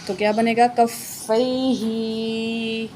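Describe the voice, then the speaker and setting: A woman teaching Quran reading word by word, explaining each letter and then reciting slowly and drawn out. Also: medium pitch, level tone, gravelly, darkish tone, faint music behind.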